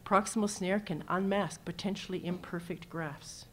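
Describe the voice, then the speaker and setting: At a symposium, a female cardiac surgeon gives a conference presentation, moving through slides packed with numbers in a casual, anecdotal style. Her voice is on the low side and steady, at a moderate pace, with a bit of background noise.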